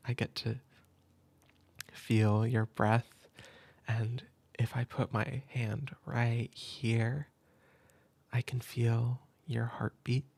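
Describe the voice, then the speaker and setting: Man, ASMR comfort roleplay; gentle half-whisper, slow and even, gravelly edge, dry close sound. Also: mid-range voice, dry recording. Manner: soft, tender, half-whispered. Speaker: ASMR creator.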